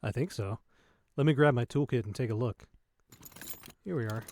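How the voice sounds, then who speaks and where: Male actor as spaceship worker, sci-fi audio drama, medium pitch, brash, dismissive, money-minded, sarcastic. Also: moderate pace, darkish tone, no room sound, clean studio sound, lightly acted. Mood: matter-of-fact. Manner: sarcastic, practical. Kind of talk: science fiction audio drama.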